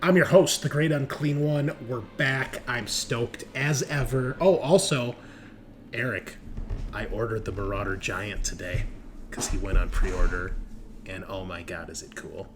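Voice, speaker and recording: A lowish male voice at a measured pace belongs to a host and game master who keeps things casual and upbeat. His chatter is full of slang and frequent swearing, and there's noticeable noise in the background.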